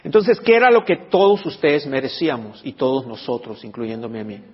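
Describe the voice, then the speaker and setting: A husky male pastor teaches his congregation, often stopping to ask whether they follow. His voice rings with a long reverb through a church hall, and the recording is dull. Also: mid-range voice, a little fast. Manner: teaching, asks the congregation questions. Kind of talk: sermon.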